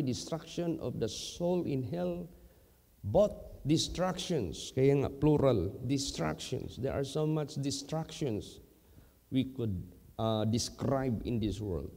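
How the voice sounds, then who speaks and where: A man with a Filipino accent preaching a sermon as pastor, slow and emphatic, mixing English and Filipino, with sudden loud high-pitched rises on key words. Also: creaky, long reverb tail.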